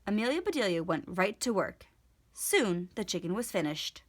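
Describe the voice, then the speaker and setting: With a mid-range voice, a woman reads a children's storybook aloud from a script. Her storytelling is expressive and deliberate.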